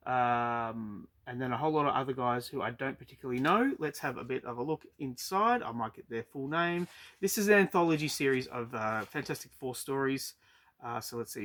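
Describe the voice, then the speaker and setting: Aussie guy rambling about comics, lots of ums, mid pitch. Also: a bit bright. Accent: Australian. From Australia. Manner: hesitant, many ums and uhs. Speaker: comic book collector vlogger. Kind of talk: casual review chat. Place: storage unit.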